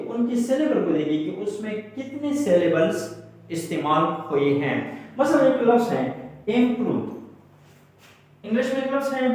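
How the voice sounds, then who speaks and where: A man's voice: high-pitched, a little mellow. A male English teacher giving a classroom-style grammar lesson, repeating and stretching out words to stress their syllables while he writes on a board. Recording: very echoey room.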